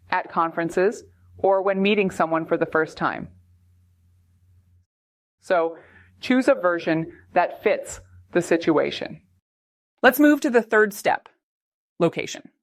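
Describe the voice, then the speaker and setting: A woman narrates a scripted English lesson slowly and carefully, articulating and spelling out each word clearly for learners. Her voice is calm, steady and lower-pitched for a woman, and the close, dry voice-over has no room sound.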